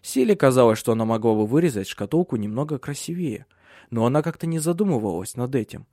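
In scripted audiobook narration, a man tells the story in an even, measured way. His pitch is medium, and the clean studio recording has no room sound.

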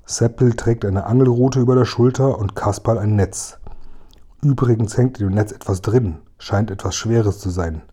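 A man voicing a gruff, greedy male robber who growls and mutters to himself in a storybook reading. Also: lowish voice, moderate pace, mellow.

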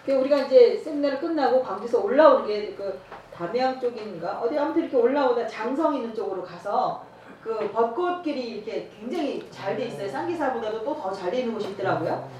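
Lively woman telling a story in church. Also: fairly high pitch, fast talker, slight background noise. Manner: storytelling, acting out dialogue, laughing often. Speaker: evangelism trainer. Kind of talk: sermon with personal testimony. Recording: echoey church hall, mic at a distance.

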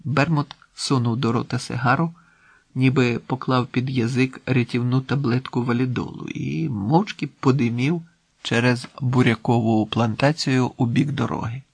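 A man narrating literary prose in a measured, expressive reading. His voice is husky and gravelly, with plenty of fry. The recording is dry and close, with no room echo. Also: medium pitch.

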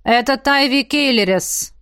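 A woman's voice: high-pitched, unhurried, a bit bright, clear, resonant tone, dry recording, clean studio sound, pitched above the performer's own voice. A woman voicing a sarcastic male captain of the royal guard in an audiobook, speaking with venomous irony. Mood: announcing.

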